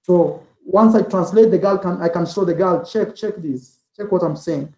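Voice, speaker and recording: A male travel vlogger rambles through a casual interview as a guest, using "like" and "man" as frequent fillers. His high-sitting voice has a darkish tone and a moderate pace, heard through roomy, poor audio.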